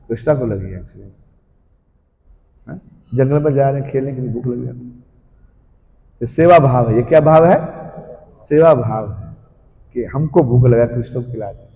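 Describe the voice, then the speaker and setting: A man giving a devotional scripture talk, telling the story with animated acted-out voices and reading commentary slowly. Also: mid-range voice. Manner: reads English commentary slowly. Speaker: preacher. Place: temple hall. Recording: dull, hall-like echo.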